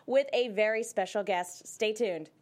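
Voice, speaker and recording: A woman's voice: mid-range voice, unhurried, crowd noise. A woman hosting a talk show, bubbly and chatty as she introduces the panel. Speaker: host.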